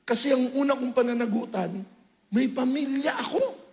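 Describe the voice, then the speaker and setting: A male preacher giving a sermon testimony, telling his story with animated, emotional swings into loud highs. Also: normal speed.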